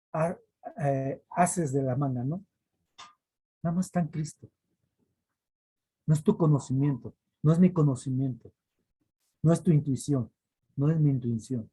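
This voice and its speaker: A man's voice: on the high side, warm tone, breathy edge, low-quality recording. Earnest man teaching a devotional. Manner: earnest, repeats phrases for emphasis. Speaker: preacher.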